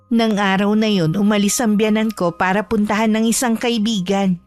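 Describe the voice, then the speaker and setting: A woman giving scripted first-person narration of a true horror story in a steady storytelling manner. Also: mid-range voice, normal speed, soft background music.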